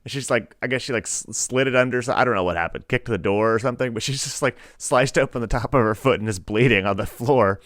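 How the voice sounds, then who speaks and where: A man's voice: mid-range voice, fast, few pauses, no echo, clean studio sound. A man in his thirties co-hosting a parenting podcast, telling loose stories full of fillers. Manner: relaxed storytelling, many fillers. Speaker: podcast co-host. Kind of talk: casual chat.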